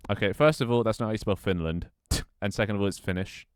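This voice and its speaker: Speaking at a quick pace in a smooth, lowish voice, a young man chats casually on a gaming stream. He rambles and talks to himself as he sets up, often starting over and laughing. The sound is clean studio quality with no room sound.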